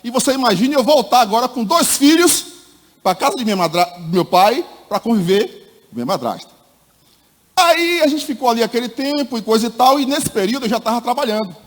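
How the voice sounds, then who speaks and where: A middle-aged man giving a personal testimony at a church meeting. He tells the story in an animated way, acts out the people in it, and calls his listeners "my brother.". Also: extremely high pitch, a little fast. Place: church hall. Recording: long reverb of a church hall.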